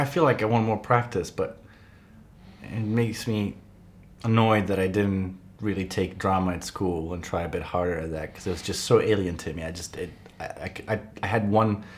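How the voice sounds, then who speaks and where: Man, low voice, podcast host, relaxed conversational talk. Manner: conversational, light laughs, short agreeing replies. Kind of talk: casual chat.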